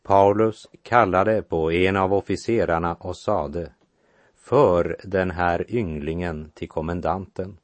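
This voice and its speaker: A man with a very low voice reads Bible passages and adds his own commentary between them. His delivery is measured and deliberate, and he slows down to stress the key lines. The recording is close and dry, with no room sound. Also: fairly even intonation, no echo. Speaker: Bible teacher. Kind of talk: scripture reading with commentary.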